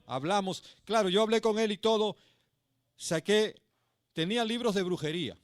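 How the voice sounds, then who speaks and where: A male pastor preaching a sermon. He tells a story with passion, swinging between loud and hushed, and calls his listeners brother. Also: sits high, moderate pace, no echo, clean studio sound.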